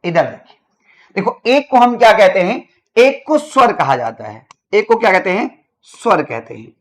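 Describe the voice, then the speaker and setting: A man's voice: high-pitched, sing-song, fairly bright tone. A male teacher giving an online grammar lesson. He asks the class questions, answers them himself, and repeats key phrases. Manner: slows down to dictate notes.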